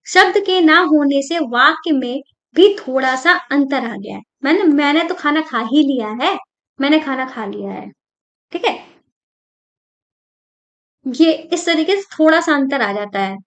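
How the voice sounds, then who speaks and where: A young woman with a high voice teaches a school lesson, going through the textbook step by step. She explains patiently and repeats her points, with frequent "theek hai" checks. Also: fairly bright tone.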